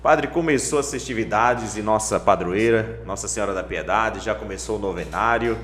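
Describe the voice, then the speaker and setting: A man's voice: lowish voice, normal speed, a bit bright, a little hiss or hum. A man hosting a casual podcast interview who jokes and speaks straight to the audience. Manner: jokey, addresses the audience. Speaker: podcast host.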